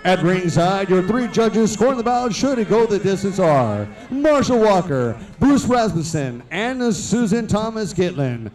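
Male fight announcer, booming and high, lucha-style stretched introductions, formal, on a distant outdoor PA. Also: sing-song, measured pace, hardly any pauses, darkish tone. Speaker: ring announcer. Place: outdoor arena, in a boxing ring. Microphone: handheld microphone over PA.

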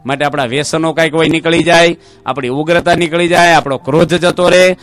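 A man's voice: fairly high pitch, steady tone, fairly quick, fairly bright tone, faint music behind. A man, a monk giving a sermon to a seated gathering and telling anecdotes. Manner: storytelling, briefly acting out the people in his stories. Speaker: monk giving a religious discourse. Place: religious gathering before a seated audience.

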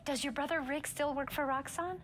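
A middle-aged woman playing a warm, curious mother in natural video game dialogue. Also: sits high, steady tone, fairly quick, slight background noise. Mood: curious, friendly.

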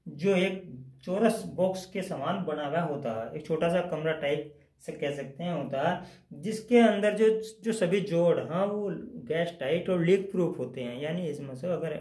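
High-voiced man teaching, echoey room. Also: measured pace, a little mellow. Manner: explains step by step, repeating phrases. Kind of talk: whiteboard lesson. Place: indoors at a whiteboard.

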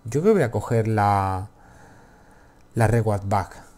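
With a Castilian accent from Spain, this man hosts a gaming video, tossing out relaxed commentary, muttering to himself and cursing freely. He speaks slowly in a fairly low, expressive and slightly mellow voice.

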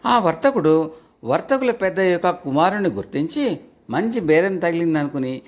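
A male storyteller reading a folk tale aloud, his voice slightly high and full of animated rises and falls. The delivery is expressive, pulling the listener along. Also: normal speed. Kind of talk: storybook narration.

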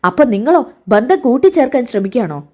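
Putting on the voice of a contemptuous young woman, a female storyteller makes her snap back angrily, high-pitched and fast. The tone is darkish and sing-song, and the character sounds chilly and short on patience.

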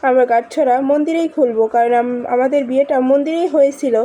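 A woman voicing a calm young husband who reassures his wife, in a spoken drama recap. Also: sits high, fast talker, lightly acted. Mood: reassuring.

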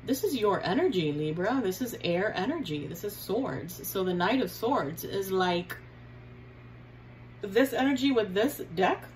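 A woman tarot reader talks her viewers through a card spread at a slow, unhurried pace, using pet names and repeating herself as she turns each card. Her voice sits in a middle pitch, with a faint hiss of noise under the recording. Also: animated, poor audio. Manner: chatty, affectionate, repeats signs and card names. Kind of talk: casual tarot reading to viewers.

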